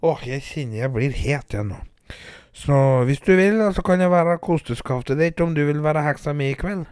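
A man voicing a loud, crude country woman who rambles, swears and boasts. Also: fairly high pitch, clean tone, no room sound, clean studio sound, natural voice. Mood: rambling.

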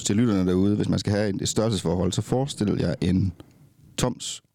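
Low, mellow-voiced man explaining calmly. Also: creaky, dry recording. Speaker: podcast co-host. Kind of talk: casual podcast chat.

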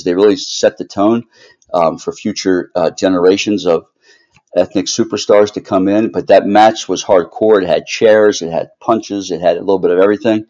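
Low-voiced middle-aged American man, slightly muffled. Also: mellow. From Maryland, United States. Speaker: podcast guest. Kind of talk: casual reminiscing.

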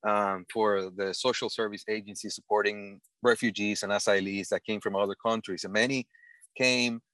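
A middle-aged man from the Dominican Republic talks as a guest in an earnest, halting way, often restarting his sentences. His voice sits a little low. The sound is dry and close. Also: steady tone, fairly bright tone, dry recording. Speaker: panel guest. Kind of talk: casual conversation.

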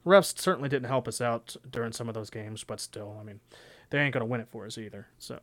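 A man's voice: mid-range voice, fast, fairly bright tone. A young man co-hosting a sports podcast, talking casually and rambling with lots of "you know". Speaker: podcast co-host.

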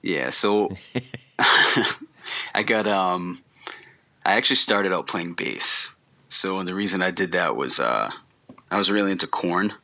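A man guesting on a podcast, talking in a relaxed, rambling way with many ums and restarts. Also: low voice, measured pace, pauses often. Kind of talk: casual interview chat.

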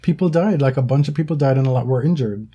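A man's voice: mid-range voice, fast, mellow, slightly rough. A man co-hosting a casual podcast, earnest at times but with wry, teasing asides. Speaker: podcast co-host. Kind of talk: casual chat.

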